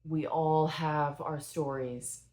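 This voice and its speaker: A woman's voice: sits low, steady tone, slow, a little mellow. A young adult woman giving her casual first impressions of a film in a chatty, rambling way, full of fillers and self-corrections. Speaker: movie reviewer.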